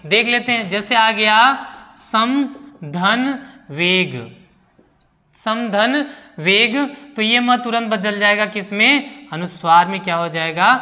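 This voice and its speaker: A male Hindi grammar teacher explaining a lesson. He asks rhetorical questions, answers them himself, and repeats key terms slowly for emphasis. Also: sits high, bright, forceful tone, long reverb tail.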